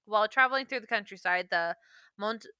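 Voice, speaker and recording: Bright, crisp-voiced woman. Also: medium pitch, brisk, dry recording. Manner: laughs often, jokey asides. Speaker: podcast co-host. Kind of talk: casual history podcast chat, reading notes.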